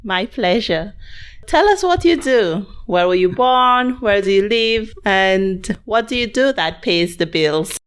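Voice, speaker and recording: A woman hosting a podcast, introducing her guest and asking questions in a measured, clear manner. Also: medium pitch, expressive, no echo. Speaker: podcast host.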